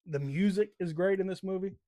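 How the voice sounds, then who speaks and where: A relaxed man gives his take on a film in plain, easygoing talk with loose grammar. His voice sits slightly high for a man. The recording is dry and close-miked. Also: fairly quick, dry recording. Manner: easygoing, casual grammar, agreeable. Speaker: podcast co-host. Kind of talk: casual movie review chat.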